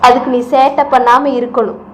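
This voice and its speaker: A woman's voice: high-pitched, little pitch movement, fairly quick, heavy background noise. A mother sternly questioning and scolding her small daughter. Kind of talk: home video scolding a child.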